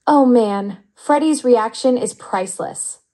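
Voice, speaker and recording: A synthetic woman's voice of an AI chat assistant, upbeat and flattering with smooth, even delivery. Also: fairly high pitch, a little slow. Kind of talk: conversational AI reply.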